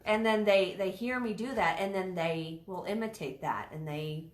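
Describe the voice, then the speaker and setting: Woman co-host in her thirties, chatty and lively, casual talk, echoey room. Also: lowish voice, moderate pace. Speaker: podcast co-host. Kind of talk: casual chat.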